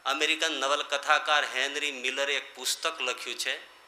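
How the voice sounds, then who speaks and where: Bright-voiced preaching monk. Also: male voice, little pitch movement, moderate pace, reverberant. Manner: rhetorical, swinging between loud emphatic lines and quiet low ones. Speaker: monk giving a scripture discourse. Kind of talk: sermon.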